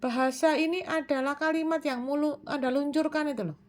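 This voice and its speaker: High-voiced woman giving self-help advice. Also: fairly even intonation. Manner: measured, answers her own questions, frequent "eh" fillers. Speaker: self-improvement speaker. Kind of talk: explanatory self-help talk.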